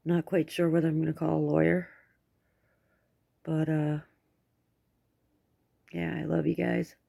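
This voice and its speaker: A woman's voice: sits low, flat delivery, unhurried, creaky, dark tone, breathy edge. A middle-aged American woman with toothless speech, giving a rambling, candid personal update in casual, coarse words. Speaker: vlogger.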